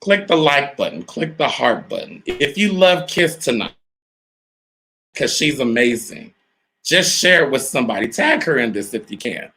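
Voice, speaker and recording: A man's voice: medium pitch, sing-song, normal speed, sharp tone. A man hosting a casual live-stream interview, hyped and repetitive, calling out to viewers as y'all. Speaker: host.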